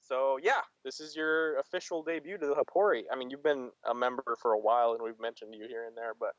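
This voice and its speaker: A man's voice: medium pitch, fast, no echo. A man co-hosting a casual podcast, teasing and upbeat as he welcomes a guest. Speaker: podcast co-host. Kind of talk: casual chat. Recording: muffled lo-fi mic.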